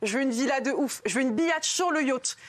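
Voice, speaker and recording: A woman's voice: sits high, brisk, dry recording. A woman telling jokes in a casual, slangy way on a TV comedy show. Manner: casual slangy joke delivery. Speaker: joke teller. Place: TV studio.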